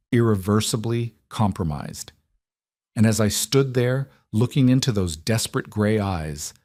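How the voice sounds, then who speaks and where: A man narrating a first-person romance story in a steady, even reading. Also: fairly low pitch, no echo, studio quality.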